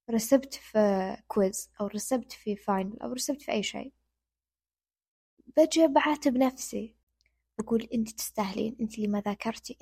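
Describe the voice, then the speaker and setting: A woman's voice: on the high side, mellow, dry recording, clean studio sound. A young woman gives earnest, casual advice as the host of her own talk, repeating points for emphasis.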